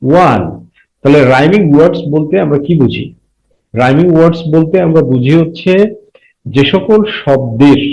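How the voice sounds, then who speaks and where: A man teaching a primary school English lesson, reading each phrase slowly and translating it line by line. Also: fairly high pitch, a little mellow, poor audio. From Bangladesh. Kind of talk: bilingual classroom lesson.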